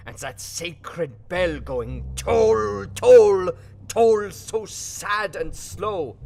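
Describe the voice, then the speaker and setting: An actor playing a philosophical, grieving older foreign professor in an audio drama, speaking dramatically in broken English. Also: male voice, high voice. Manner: broken non-native English syntax, dramatic sighing delivery. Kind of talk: theatrical audio drama acting. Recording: music behind the voice.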